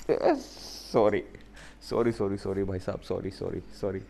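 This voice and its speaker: A man giving jokey, excitable commentary on a virtual reality game. He taunts the zombies and then apologizes to them. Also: low-pitched, a little slow, vocal fry, a little hiss or hum. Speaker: gamer. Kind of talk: casual VR gameplay commentary.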